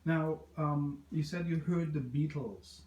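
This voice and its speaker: A man's voice: fairly high pitch, slow pace, a little mellow, roomy sound, low-quality recording. A man from Trinidad and Tobago hosting an interview, encouraging his guest and repeating answers back. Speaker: interviewer host. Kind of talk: interview conversation.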